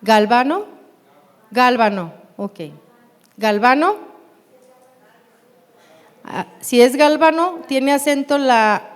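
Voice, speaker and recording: A woman with a Mexican Spanish accent teaching a Bible class in a church, unhurried and often asking her listeners questions. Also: high voice. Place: church hall. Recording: long hall reverb.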